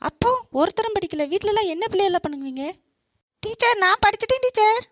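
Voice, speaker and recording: A woman's voice: very high voice, expressive, fast talker, dry recording. A woman doing a stern scolding cartoon teacher. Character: strict scolding schoolteacher, woman.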